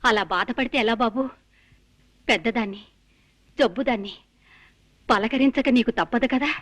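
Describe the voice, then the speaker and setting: A woman's voice: a little high, moderate pace, a bit bright. Fussy hard-of-hearing old mother. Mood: fussing. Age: older. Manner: complaining, scolding, sentimental. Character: elderly hard-of-hearing mother, sickly and fussing. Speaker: girlfriend's mother. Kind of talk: film comedy dialogue.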